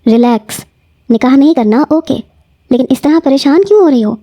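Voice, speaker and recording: A woman voicing a calm caring male professor. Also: high voice, no room sound, clean studio sound. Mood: reassuring. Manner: gentle, reassuring, then serious.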